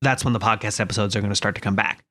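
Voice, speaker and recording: A man's voice: on the low side, steady tone, very fast, fairly bright tone, no room sound. A young man co-hosting a podcast, playful and jokey, fond of wordplay. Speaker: podcast co-host. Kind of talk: casual podcast chat.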